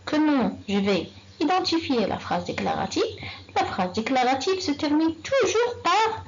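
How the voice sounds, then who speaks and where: A woman teaching a grammar lesson to young children, slow and patient, repeating sentences and quizzing the class. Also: sits high, big pitch swings, dull audio, heavy background noise. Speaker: primary school teacher.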